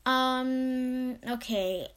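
A podcast host giving casual, unscripted fan commentary in a hesitant, halting way, often trailing off mid-thought. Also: sits high, fairly bright tone, clean tone.

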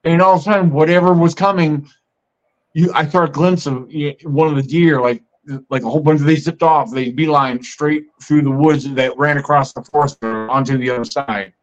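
A man's voice: fairly high pitch, steady tone, normal speed, faint music behind. A man hosting a podcast, telling a story in a casual, meandering, conversational way. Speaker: podcast host. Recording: muffled lo-fi audio.

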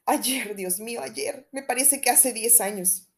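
A woman reading an audiobook, voicing an anxious middle-aged gentleman who confides in urgent, lowered tones. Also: a little slow, gravelly. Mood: confiding.

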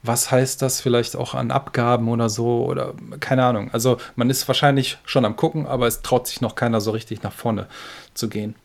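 A man with a gravelly, creaky voice chats casually as a podcast co-host. He talks in a loose, relaxed way, hedging and filling pauses as he goes. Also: mid-range voice. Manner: relaxed, chatty, with fillers and hedges. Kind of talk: casual chat.

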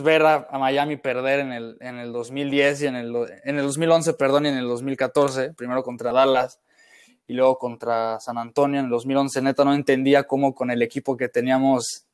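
A young man with a Mexican accent talks casually as a podcast co-host. He often circles back and restarts his thoughts. His voice is smooth and clear at an average pitch. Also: darkish tone. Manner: rambling and reflective, with frequent restarts. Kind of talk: casual chat.

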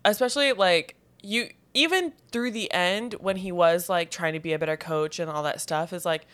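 A woman's voice: lowish voice, moderate pace, fairly bright tone, clear, resonant tone. A woman co-hosting a podcast, chatting casually and animatedly retelling movie scenes. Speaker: podcast co-host. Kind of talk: casual chat.

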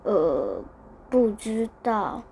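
A woman's voice: mid-range voice, big pitch swings, drawn-out words, vocal fry, a little mellow, a little hiss or hum, full character voice. A woman voicing a curious, kindly young child in a bedtime storybook, earnest and wondering.

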